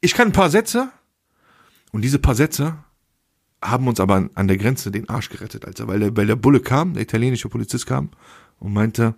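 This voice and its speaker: A man chats on a podcast in loose street slang and jumps into the voices of the people in his story. His voice is a little husky. The sound is dry, with no room around it. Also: medium pitch, brisk, no room sound. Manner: slangy, animated storyteller acting out dialogue. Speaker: podcast co-host. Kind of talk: casual chat, anecdote storytelling.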